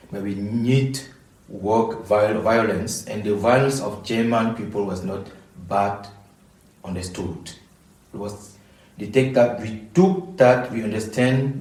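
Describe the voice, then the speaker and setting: A man from Cameroon, answering podcast interview questions in a halting way, often repeating and restarting words. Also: on the low side, darkish tone, recorded from a distance. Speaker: guest scholar. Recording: echoey room.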